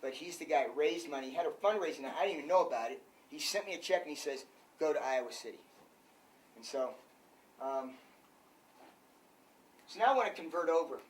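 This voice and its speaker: A man's voice: a little high, lively intonation, a little fast, long pauses, distant mic, rough recording. An older man, a wrestling coach, giving an emphatic clinic talk full of rhetorical questions.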